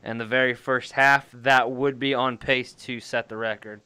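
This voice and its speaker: A man's voice: medium pitch, level tone, moderate pace, pushed and bright, clean tone, no echo. A man giving casual color commentary on a football game in a chatty, analytic way.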